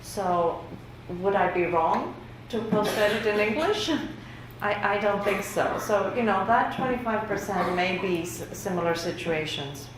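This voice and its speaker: A woman whose first language is Greek gives a workshop lecture on survey results in a university lecture room, keeping it casual and conversational with plenty of fillers. She speaks unhurriedly in a mid-range voice, and the room is very echoey with faint noise.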